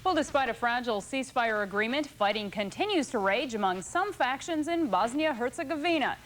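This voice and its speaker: A woman's voice: on the high side, expressive, a little fast, fairly bright tone. A woman reading scripted television news as an anchor. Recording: faintly noisy early 1990s TV broadcast.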